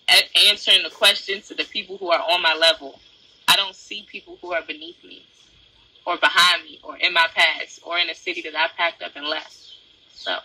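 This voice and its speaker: A woman's voice: lowish voice, bright, forceful tone, breathy edge, poor audio. A young woman hosting a casual livestream, brash and boastful, swearing freely. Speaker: livestream host.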